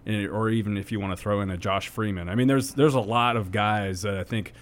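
Male sports co-host, lower voice, halting and filler-heavy delivery. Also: fairly even intonation. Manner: halting, many fillers and restarts. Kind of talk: casual sports talk.

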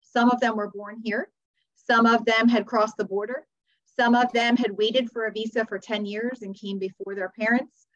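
On slightly dull audio, a teacher and author in her forties from America chats about her life as a podcast guest. Her voice is a little high and fairly bright, with fairly even intonation at normal speed.

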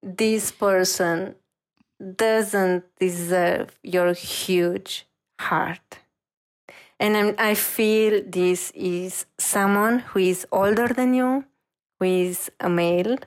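Slow, earnest woman giving an intuitive reading. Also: medium pitch, steady tone. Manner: earnest, warm reassurance, gentle and reflective.

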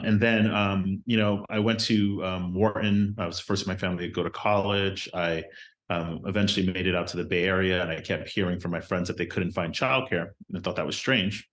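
A man from Miami, a company founder and podcast guest, answering casually with many ums. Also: sits low. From Miami, Florida.

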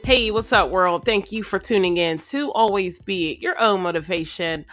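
Over music, a podcast host with a medium-pitched, animated voice talks at a moderate pace, her voice a little off as she gets over a cold. It's a casual motivational chat with a vocabulary lesson, upbeat and chatty, and she repeats her phrases.

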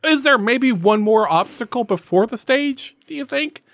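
A man's voice: extremely high pitch, expressive, moderate pace, a bit bright, no echo, pitched above the performer's own voice, full character voice. A man voicing a naive, hesitant man-eating bear in improvised comedy, with simple childlike phrasing. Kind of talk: improvised comedy role-play.

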